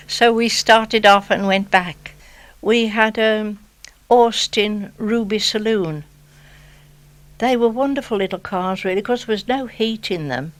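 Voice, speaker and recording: Older English woman telling memories. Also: mid-range voice. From England, Birmingham area. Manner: chatty, warm storytelling with re-enacted dialogue. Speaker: interviewee. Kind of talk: reminiscing oral history interview.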